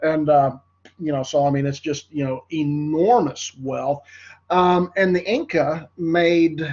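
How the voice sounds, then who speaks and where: A man's voice: fairly high pitch, fairly even intonation, takes it slowly, a little mellow, muffled recording. A man giving an informal history lecture, talking conversationally with many fillers and asides.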